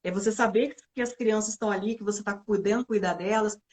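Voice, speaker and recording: Talking fast at a medium pitch, a woman psychologist walks through emotional health in a laid-back church setting. Her explanations unfold step by step, sprinkled with tag questions and frequent "né"s, and she acts out complaints along the way.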